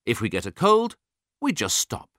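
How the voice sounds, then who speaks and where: A man reads an audiobook with emphatic, persuasive delivery. His voice rises and falls a great deal, and he slows right down on key words. The sound is dry and close-miked. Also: fairly high pitch, wildly swooping pitch, fairly bright tone, dry recording. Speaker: narrator. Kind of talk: audiobook narration.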